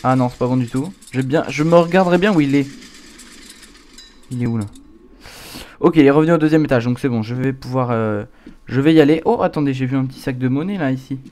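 Here a male streamer reacts aloud to a horror game, jumpy and scared, in a casual commentary style. His speech is fast with frequent pauses, and his voice is medium-pitched and a little mellow, recorded with clear background noise.

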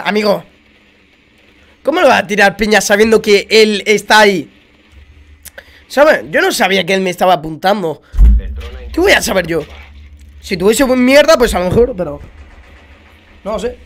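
A man's voice: high voice, animated, normal speed, pauses often, a bit bright. Man with a Spain accent, gaming streamer, exasperated ranting commentary full of swearing. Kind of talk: live gameplay commentary.

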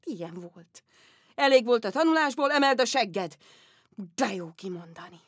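A woman's voice: medium pitch, breathy edge, no echo, clean studio sound, close to an everyday voice. A woman playing a weary, whispery old empress. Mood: wistful. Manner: soft, musing, drifting into whispers. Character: weary aging empress, aristocratic, wistful. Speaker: actress in a one-woman audio play. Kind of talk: theatrical monodrama audiobook.

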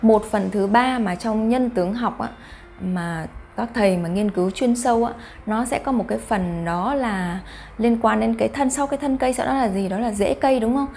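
A woman's voice: a little high, normal speed, a little mellow, soft background music. A woman vlogger talking casually to her viewers, often asking them rhetorical questions. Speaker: YouTube vlogger host. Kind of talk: talking to camera about face reading.

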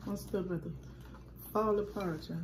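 A woman's voice: medium pitch, fairly even intonation, moderate pace, echoey room, a little hiss or hum. A woman vlogging from her dinner table, chatting to viewers and calling them "y'all". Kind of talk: casual chat.

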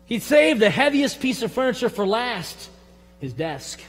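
High-voiced Michigan pastor preaching in a hall. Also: male voice, big pitch swings, breathy edge. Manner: folksy, emphatic preaching with quick drops to a hush. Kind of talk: sermon. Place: large church sanctuary. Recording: long hall reverb from the sanctuary.

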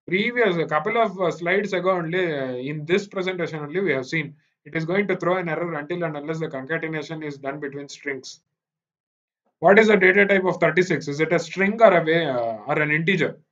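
A man with an Indian accent teaches programming in a live online session, his voice somewhat high, fairly bright, and a little fast. He goes over things more than once and keeps asking if students follow, all through muffled, low-quality meeting audio.

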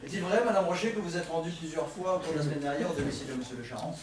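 Actor as a wry, needling police inspector. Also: male voice, on the high side, very fast, a crowd in the background, close to an everyday voice. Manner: needling, ironic questioning. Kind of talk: amateur stage comedy. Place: theatre stage. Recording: echoey hall from far, audience noise.

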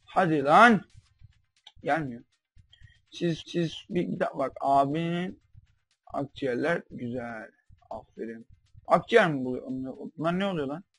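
A young man giving comedic commentary over a game, bantering in a mock-doctor way with sudden loud outbursts. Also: on the high side, gravelly, dry recording. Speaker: gameplay commentator.

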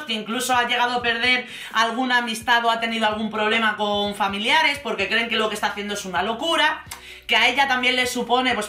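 A woman with a Spain Spanish accent gives animated, colloquial commentary on reality TV and laughs often. Her voice sits high and sounds bright and sharp. The recording is made in an echoey room. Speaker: reality TV recap vlogger. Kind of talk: casual commentary.

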